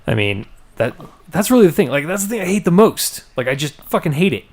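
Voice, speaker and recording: A man's voice: fairly high pitch, very animated, a little fast. A man co-hosting a casual gaming podcast, swearing freely, laughing often and trailing off mid-sentence. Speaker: podcast co-host.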